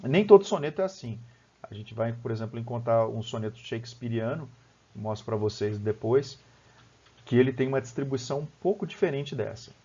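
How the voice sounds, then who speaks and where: A man's voice: medium pitch, expressive, fairly quick, mellow, husky, dull audio. A man with a Brazilian Portuguese accent, teaching a lesson on poetry from home, explaining step by step and often checking in with his listeners. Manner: explanatory, lots of "né?" and "ó".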